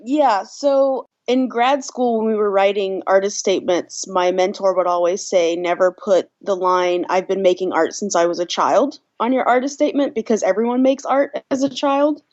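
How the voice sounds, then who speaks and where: A woman in her thirties from the Bahamas, an artist and teacher, answering interview questions in a relaxed, storytelling way with some fillers. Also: medium pitch, normal speed, few pauses, lo-fi sound. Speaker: guest artist and art teacher.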